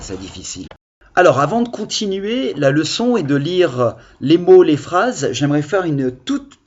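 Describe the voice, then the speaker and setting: A man's voice: mid-range voice, a little mellow, dull audio. A man teaching children a reading lesson on video, explaining patiently and expressively. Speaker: primary school teacher.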